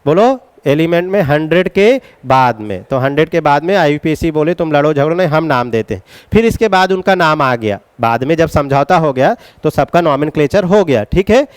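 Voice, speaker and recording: Hindi chemistry teacher, clear and dry. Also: male voice, on the high side, expressive, no echo. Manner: coaxing, calls students beta, asks and answers questions; chants mnemonics slowly in a singsong. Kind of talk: classroom lecture at a board.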